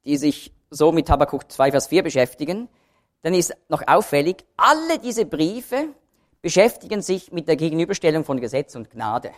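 Male Bible teacher, animated intonation, explanatory lecture delivery, emphatic repetition. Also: fairly high pitch, normal speed.

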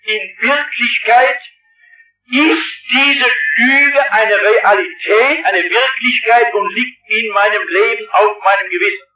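A man's voice: extremely high pitch, steady tone, slow pace, sharp tone, muffled recording. A man preaching a sermon as a pastor, impassioned and often crying out, in an old distant hall recording. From partly Swabian. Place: large hall with audience.

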